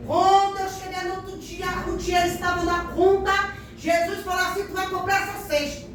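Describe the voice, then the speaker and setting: A woman's voice: very high-pitched, little pitch movement, fairly quick. A woman pastor preaching an emphatic, fervent sermon with testimony in a church. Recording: echoey church hall from far off, noisy.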